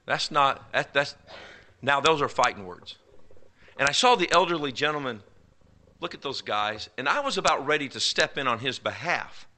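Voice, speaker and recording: A man's voice: mid-range voice, normal speed. Emphatic Texan preacher man. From East Texas, US South. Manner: animated, emphatic preaching with folksy asides. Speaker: pastor. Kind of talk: sermon.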